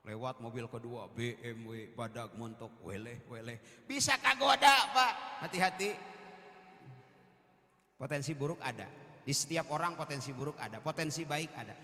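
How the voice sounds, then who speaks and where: A man with a Sundanese accent preaching a humorous sermon to a congregation, swinging from loud calls to quiet joking asides. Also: medium pitch, moderate pace. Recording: echoey hall with long reverb.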